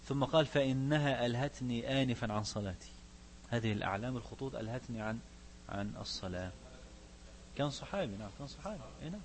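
Egyptian sheikh, brisk classroom teacher, reads classical text then explains in dialect, faint hum. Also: male voice, medium pitch, animated. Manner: mixes classical recitation with Egyptian colloquial asides, quizzes students. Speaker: sheikh teaching a fiqh book. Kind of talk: religious lesson to students.

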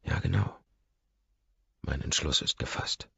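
A man's voice: a little slow, bright, forceful tone, dry recording, muffled recording. A man narrating a first-person audiobook, with a brooding inner-monologue manner.

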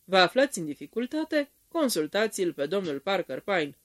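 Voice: mid-range voice, very animated, close to an everyday voice. A reader voicing a chattering society lady who gushes and exclaims. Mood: gushing. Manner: effusive, exclaiming.

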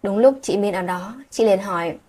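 A woman's voice: mid-range voice, normal speed, warm tone, breathy edge. A woman telling a late-night story aloud, reading every character's lines herself.

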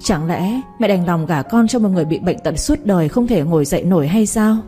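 A woman voicing a gentle twenty-year-old daughter who pleads tearfully in a storybook reading. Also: lowish voice, animated, a little fast, faint music behind, lightly acted. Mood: pleading.

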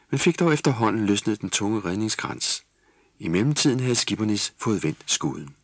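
A man with a very deep voice reads a children's Christmas story calmly and evenly. The sound is dry and close to the mic. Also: no echo. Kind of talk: scripted children's story narration.

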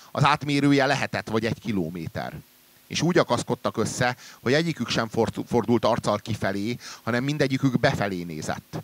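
A man reading a literary story aloud in a measured way, trailing low and quiet at the ends of sentences. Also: no room sound. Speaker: reader.

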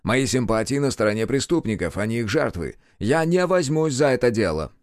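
Cool firm detective, as a male reader voices him, measured, lively intonation, dry sound. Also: medium pitch, no echo, close to an everyday voice.

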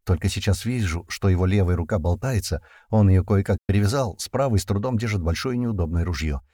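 A man's voice: low-pitched, fairly quick, no echo, studio quality. A man narrating a first-person action audiobook in a tense storytelling manner. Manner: tense storytelling with shouted commands.

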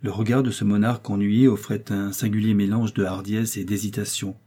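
A man reading a classic story aloud as an audiobook, measured and storytelling. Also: lowish voice, flat delivery, warm tone, breathy edge. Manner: measured storytelling, voicing characters. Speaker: audiobook reader. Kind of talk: literary audiobook narration.

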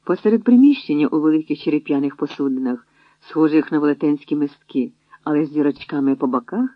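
An audiobook narrator giving a measured, dramatic reading. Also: mid-range voice, no room sound. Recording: dry, tinny phone-like audio.

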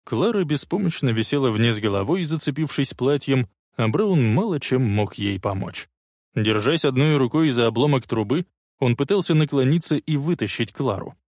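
A man narrating an audiobook with expressive storytelling delivery. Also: mid-range voice, normal speed, no room sound, studio quality. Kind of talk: dramatic audiobook reading.

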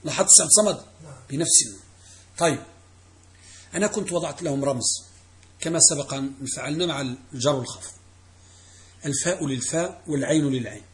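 A man's voice: a little high, quick pace, pauses often. A middle-aged man teaching a classroom grammar lesson as a religious teacher, quizzing students and repeating key phrases.

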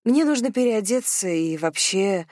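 A woman's voice: mid-range voice, lively intonation, measured pace, darkish tone, dry recording, clean studio sound. Woman doing a flustered young bride. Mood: polite.

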